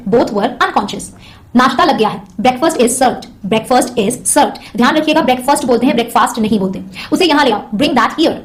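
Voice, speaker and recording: High-voiced woman teaching phrases. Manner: repeats each English phrase slowly, explains quickly in Hindi. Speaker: English teacher. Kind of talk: bilingual language lesson.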